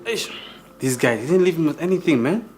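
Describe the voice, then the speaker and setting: A man's voice: a little high, expressive, moderate pace, a little mellow, soft background music, natural voice. An actor playing a greedy male mourner who mutters and whispers his schemes. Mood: scheming. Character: greedy male mourner eyeing the dead man's things. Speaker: mourner at a funeral home.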